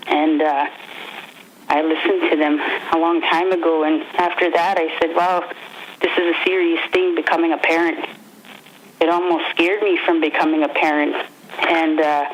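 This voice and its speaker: A woman speaking earnestly as an interviewed mother, reflective, with frequent restarts, heard over a faint noisy phone line. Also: lowish voice.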